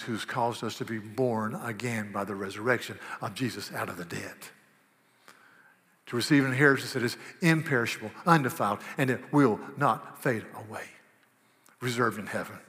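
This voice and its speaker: A man preaching a sermon, animated, swinging from loud bursts to hushed asides. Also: mid-range voice. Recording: long reverb of a large hall.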